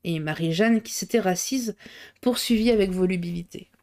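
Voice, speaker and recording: A woman reading a classic novel aloud in a measured, expressive way. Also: mid-range voice. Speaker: reader. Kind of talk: audiobook reading.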